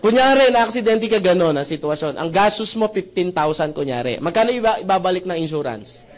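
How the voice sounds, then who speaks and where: His voice is high, expressive and fairly quick. The man is selling membership benefits to a live audience with plenty of humor, regularly asking rhetorical "tama ba?" questions and calling everyone brothers and sisters.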